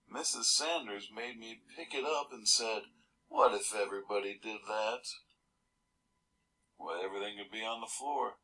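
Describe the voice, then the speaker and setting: Man, low gravelly voice, storybook reader with easygoing asides. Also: pushed and bright, rough recording. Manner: adds chuckling, casual asides between pages. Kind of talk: children's story read-aloud.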